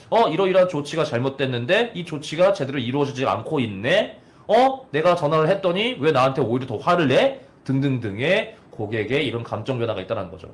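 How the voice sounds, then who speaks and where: A man in his thirties giving a training lecture to installers, often opening with a filler and asking the audience questions. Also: on the high side. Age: 30s. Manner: poses rhetorical questions to listeners; opens sentences with "ja". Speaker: trainer for air conditioner installers.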